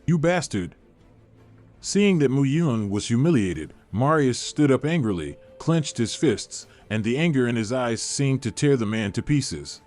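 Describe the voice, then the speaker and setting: A man reading a story aloud in an even, steady narration, with dialogue read in much the same flat voice. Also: mid-range voice, moderate pace, hardly any pauses. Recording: faint music behind.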